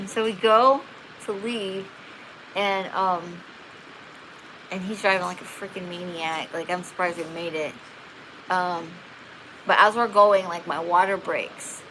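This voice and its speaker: A woman's voice: lowish voice, sharp tone, slight background noise, poor audio. A woman tells a personal story in a casual, chatty way, full of "like" fillers and bits of laughter. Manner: chatty, lots of "like" fillers, laughs while telling. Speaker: dog channel host.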